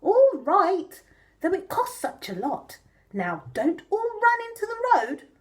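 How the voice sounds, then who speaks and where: A woman's voice: very high-pitched, sing-song, slow, pitched above the performer's own voice, heavily acted. A woman voicing a fussy, exclaiming mother pig in a children's story, emphatic and scolding in a theatrical way. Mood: bossy, urgent.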